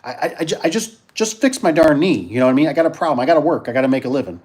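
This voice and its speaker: A man's voice: a little high, expressive, rapid-fire, a little mellow, husky. A man chatting casually as host of a live stream, rambling and repeating himself while reacting to viewers.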